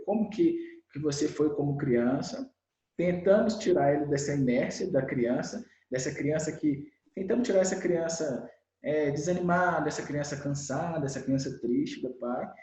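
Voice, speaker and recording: A man with a Brazilian Portuguese accent, a children's educator being interviewed, explaining in an animated way and acting out the lines of parents and children. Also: fairly high pitch, echoey room, poor audio. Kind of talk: explanatory conversational talk.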